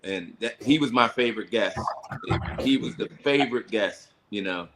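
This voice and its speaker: A man co-hosting a casual podcast, speaking in a reflective, deliberate way. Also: fairly low pitch, a crowd in the background, poor audio. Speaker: co-host. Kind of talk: casual chat.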